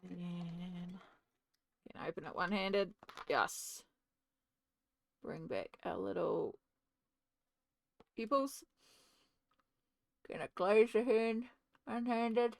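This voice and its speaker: A woman's voice: medium pitch, slow, vocal fry, long pauses, dry recording. A woman hosting an art video, chatting casually through each step as she colours at her desk. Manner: chatty, narrates each step while working; talks one-handed with a cat in her lap. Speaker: art channel host. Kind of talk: casual narration while colouring. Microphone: desk microphone.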